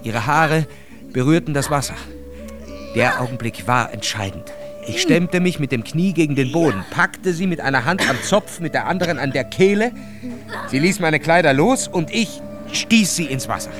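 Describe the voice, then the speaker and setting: A man narrating a literary radio drama in a measured, calm storytelling voice. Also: fairly high pitch, over music.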